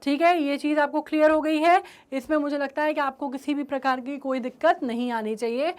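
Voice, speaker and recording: A woman teacher with an Indian English accent leads a lesson on a poem, her voice sitting high. She mixes Hindi and English and keeps checking that students are following. She slows right down when reading lines aloud. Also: fairly even intonation, a little mellow. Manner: switches between Hindi and English, checks understanding often, reads lines slowly. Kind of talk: classroom-style lesson explaining a poem.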